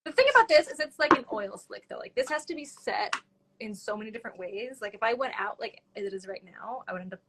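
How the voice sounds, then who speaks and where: A woman's voice: on the high side, fast, heavy background noise. A young woman chatting casually as she does makeup on a live stream, saying "like" a lot and laughing easily. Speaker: makeup artist. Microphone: phone on a live stream.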